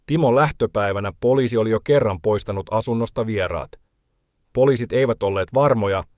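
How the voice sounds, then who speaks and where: A man narrating a news feature as a reporter, reading a script in a calm, measured way. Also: on the low side, dry recording, clean studio sound.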